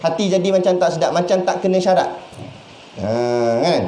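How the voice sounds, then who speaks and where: A man with a Malaysian Malay accent giving a sermon as a religious teacher. He talks in a lively, conversational way, asking questions and acting out little voices. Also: high voice, moderate pace. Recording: echoey room with faint background noise.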